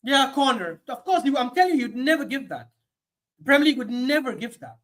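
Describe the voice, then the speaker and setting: A man hosting a football watchalong, giving live commentary that swings between low muttering and sudden excited shouts. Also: brisk. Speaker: host of a football watchalong stream. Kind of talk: live match commentary and reaction.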